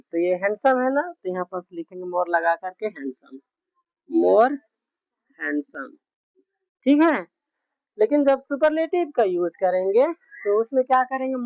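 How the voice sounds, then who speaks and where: A woman teaching English grammar slowly, spelling words out and checking in often with her students. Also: medium pitch, dry recording. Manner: slow, repetitive, spells words out letter by letter with frequent check-ins. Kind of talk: classroom grammar lesson. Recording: dull, muffled lo-fi sound.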